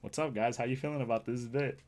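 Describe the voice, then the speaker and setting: A young man chats casually into a desk mic as he streams from home. He teases his viewers and reads their messages aloud with a joking, offhand ease. His pitch sits in an ordinary middle range. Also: steady tone, fast talker, darkish tone. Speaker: livestreamer. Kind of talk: casual live-stream chat.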